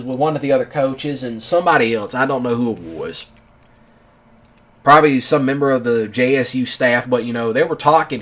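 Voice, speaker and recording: In a casual monologue, a gaming channel host in his thirties rambles through a long personal story, using lots of fillers and many "you know"s. He speaks with a mid-range voice and a fairly bright tone.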